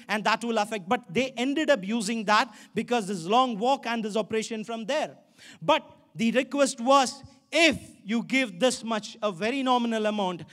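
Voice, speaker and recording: On a large stage in an indoor auditorium, a male pastor with an Indian accent preaches into a handheld microphone. His strikingly high-pitched, slightly bright voice is emphatic and exhorting, and he repeats key phrases to drive them home.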